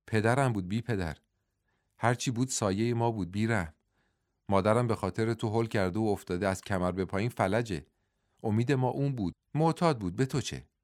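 A man's voice: fairly low pitch, a little mellow, natural voice. A man reading the part of a hurt young woman who speaks in a bitter, accusing way in a storybook.

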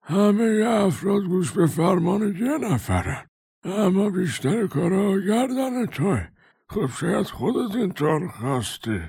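A mocking old hermit drags out every word in a raised, gravelly, husky voice. His tone is sly and needling, the pace very slow. It is a storybook reading. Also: high-pitched, very animated, darkish tone, no echo, pitched above the performer's own voice, exaggerated voice. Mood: sly, taunting. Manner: slow, sneering, drawn-out delivery.

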